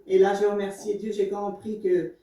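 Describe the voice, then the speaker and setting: A woman's voice: medium pitch, level tone, moderate pace, dark tone. A woman giving a spoken church testimony, telling her story with emotion and many fillers. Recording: echoey room, far from the mic.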